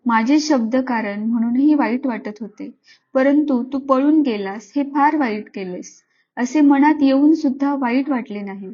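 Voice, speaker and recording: A woman's voice: high voice, a little mellow. A woman reading as a tender, loving mother. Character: tender, loving middle-aged mother comforting her son. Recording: slightly dull lo-fi recording.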